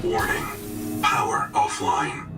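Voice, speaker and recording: A man voicing a ship's computer in a video game, with a synthetic announcer effect, giving flat, clipped power status alerts. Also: slow pace, over music. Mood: system alert.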